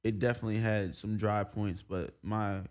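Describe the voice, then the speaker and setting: A man in his twenties in a casual chat, answering quietly and briefly. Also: fairly low pitch, steady tone, moderate pace, clean tone. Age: 20s.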